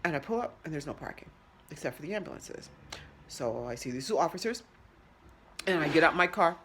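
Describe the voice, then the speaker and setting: A middle-aged woman telling a story in casual chat, animated, dramatic and profane. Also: deep voice, brisk, slight background noise. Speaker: vlogger.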